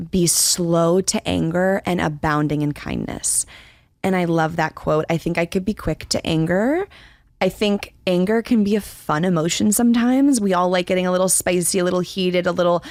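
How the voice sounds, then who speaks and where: A woman's voice: fairly low pitch, no echo, clean studio sound. A woman in her twenties on a podcast, chatting with her best friend in a bubbly, gushing way and laughing often. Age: 20s. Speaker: podcast co-host, interviewee. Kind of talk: casual chat between friends.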